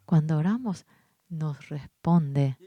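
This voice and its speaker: A man preaching a sermon, reading scripture aloud and pushing his voice up high for emphasis. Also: takes it slowly, mellow, lo-fi sound. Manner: preaches with sudden high-pitched emphatic bursts.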